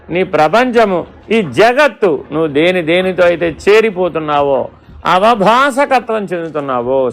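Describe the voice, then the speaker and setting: High, gravelly-voiced man giving a spiritual discourse. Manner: questioning, animated storytelling. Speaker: spiritual teacher. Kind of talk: Vedanta discourse.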